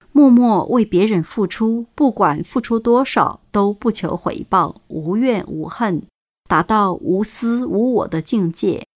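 A woman reading a first-person reflection aloud as scripted narration, measured and deliberate. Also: mid-range voice. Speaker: reader.

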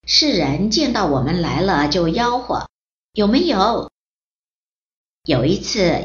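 A woman reading a first-person testimony aloud in a steady reading voice. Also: lowish voice. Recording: roomy, dull lo-fi recording.

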